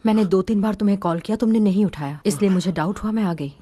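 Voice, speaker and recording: A woman's voice: medium pitch, fast talker, mellow, husky, close to an everyday voice. A woman dubbing a young female exorcist in a Hindi film, direct and urgent.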